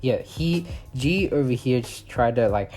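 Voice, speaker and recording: A man's voice: mid-range voice, lively intonation, a little slow, a little mellow, faint music behind. A young man telling a personal story in a casual, rambling way, full of fillers.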